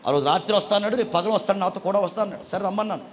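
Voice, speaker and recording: A male pastor with a high voice tells a sermon story, quick and animated. He speaks with the fervent push of a preacher addressing his congregation. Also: a little hiss or hum. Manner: animated retelling that rises into fervent exhortation.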